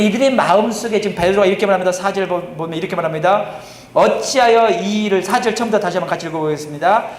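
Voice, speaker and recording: A male pastor preaching a sermon, often asking the congregation questions and answering them himself, his voice swinging between loud and quiet. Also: high-pitched. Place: church sanctuary. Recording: echoey church hall recording.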